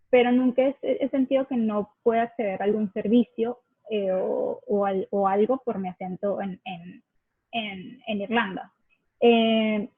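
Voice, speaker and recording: A young woman from Venezuela, chatting thoughtfully and a little hesitantly, often pausing to search for words. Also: mid-range voice, breathy edge, no echo. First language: Spanish. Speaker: guest sharing immigrant experience. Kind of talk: casual video chat. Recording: tinny dry call audio.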